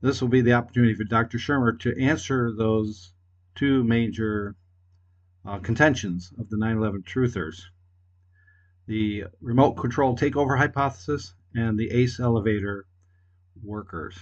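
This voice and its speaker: A man leaving a long, hesitant voicemail over a landline phone, stopping often with fillers. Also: mid-range voice. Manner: hesitant, halting, many fillers. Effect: heard over a landline phone. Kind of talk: rambling phone message. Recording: muffled phone-line audio.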